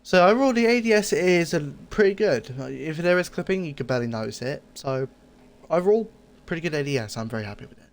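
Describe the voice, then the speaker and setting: A man's voice: on the high side, animated, fast talker, slight background noise. Easygoing male game reviewer. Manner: easygoing, repetitive, corrects his own slips. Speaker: gaming channel host. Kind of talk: casual game cosmetics review.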